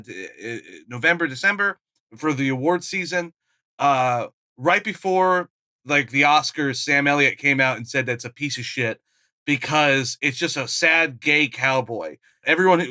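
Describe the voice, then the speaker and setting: Man, podcast co-host, enthusiastic casual chat, bright tone, dry recording. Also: mid-range voice, no room sound. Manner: enthusiastic, laughs often.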